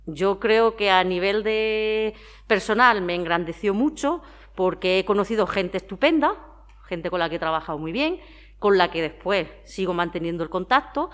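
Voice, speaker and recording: A woman in her forties from Madrid, Spain, with a Spanish accent, talkatively answers interview questions, explaining things with examples in a conversational way. She's a former athlete and the town's sports councillor. Her mid-range voice is animated and moves at a moderate pace.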